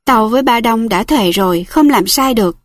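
A woman's voice: on the high side, lively intonation, moderate pace, no echo. A woman reading aloud as a grieving older village man who speaks bluntly and commandingly, in an audiobook style. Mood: stern.

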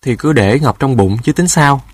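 A man's voice: medium pitch, expressive, normal speed, slightly rough, no room sound. A man voicing a greedy, foolish male rooster in a storybook tale, boastful and easily panicked. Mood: scornful.

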